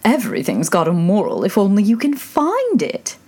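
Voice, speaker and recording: A woman's voice: mid-range voice, huge pitch swings, a little mellow, slightly rough, pitched above the performer's own voice. A woman voicing a fussy old duchess who drags out her words pompously, as if moralizing. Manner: slow, drawn-out and pompous.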